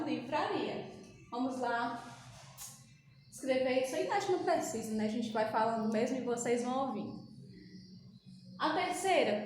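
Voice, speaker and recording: A woman's voice: high-pitched, a little hiss or hum. A woman teaching an English class to Brazilian schoolchildren, patiently repeating and drilling pronunciation. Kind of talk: recorded online class. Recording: echoey room with faint ambience.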